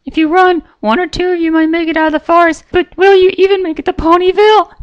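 A narrator voicing Pinkie Pie, a bubbly pink pony mare with a high, squeaky, giggly sing-song voice who hides a murderous streak. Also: steady tone, fast talker, highs cut off. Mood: creepy.

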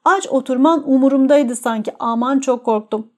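A woman's voice: high voice, normal speed, warm tone, natural voice. A woman voicing a proud, capricious young woman who mocks and scorns her suitor. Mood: scornful. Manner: mocking, scornful.

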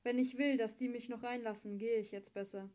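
A woman reading an audiobook, voicing an earnest, ambitious eighteen-year-old boy who speaks with quiet insistence. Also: on the high side, fairly even intonation, a little fast, lightly acted.

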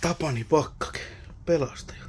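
Filming on a handheld camera, a man pokes around an abandoned wooden cabin, muttering and wondering aloud at old objects in casual vlog commentary. His voice is a little high, and the audio carries a slight hiss or hum.

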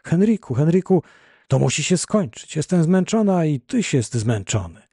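A man's voice: a little high, very animated, moderate pace, dark tone, breathy edge, dry recording, clean studio sound, pitched above the performer's own voice, full character voice. A man reading an audiobook, voicing an unhappy, self-reproaching woman who is ending her marriage. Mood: pleading.

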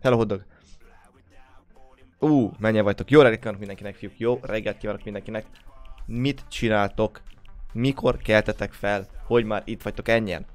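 A man's voice: fairly low pitch, steady tone, pauses often, no room sound, soft background music. Sleepy young man greeting stream viewers. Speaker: livestream host. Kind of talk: casual livestream chat.

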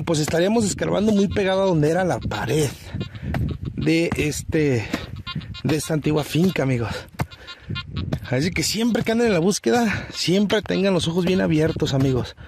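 With background noise around him, a man whose voice runs on the high side gives casual commentary while hunting relics in open countryside. The treasure-hunting vlogger frequently addresses his viewers as friends.

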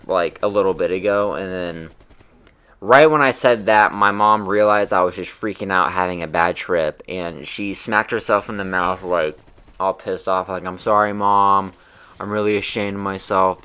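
A man's voice: low-pitched, bright, forceful tone, clear, resonant tone. A young man casually telling a personal story in a loose, rambling way, full of fillers and swearing.

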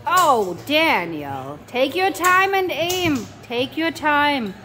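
A mother who vlogs films her family on her phone inside a busy pub restaurant, gushing about everything around her in casual narration. Her voice is high and bright, pushed, with big swings in pitch and a slow pace. Crowd chatter from the pub fills the recording.

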